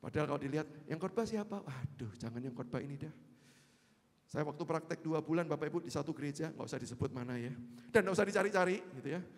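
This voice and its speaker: A male pastor with an Indonesian accent giving a conversational sermon, moving from quiet asides to loud emphatic peaks. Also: a little high, long reverb tail. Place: church sanctuary.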